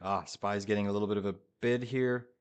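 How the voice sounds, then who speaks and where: A man's voice: on the low side, fairly even intonation, a little fast, clean tone. A man hosting a live trading stream, giving urgent, hyped commentary to viewers in short repeated phrases. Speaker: live-streaming day trader, host.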